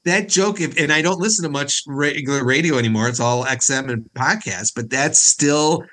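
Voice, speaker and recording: A man's voice: mid-range voice, moderate pace, bright, forceful tone. A man chatting as a guest on a podcast over a video call, jokey and self-mocking. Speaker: podcast guest, comic performer. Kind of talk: casual chat on a video call.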